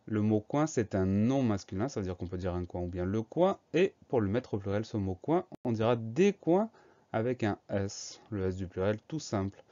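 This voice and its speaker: A man teaching spelling who speaks in a low, mellow voice. He goes through each word slowly and methodically, letter by letter. The recording sounds slightly dull and lo-fi. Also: expressive. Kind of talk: dictation spelling lesson.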